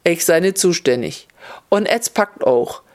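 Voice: medium pitch, lively intonation, measured pace, a little mellow, natural voice. Stern judge, read by a narrator. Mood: gruff, dismissive. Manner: curt, dismissive. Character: stern grumpy old male judge.

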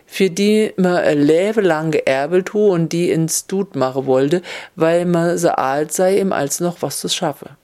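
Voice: mid-range voice, measured pace, a little mellow, natural voice. Aggrieved old donkey, read by a narrator.

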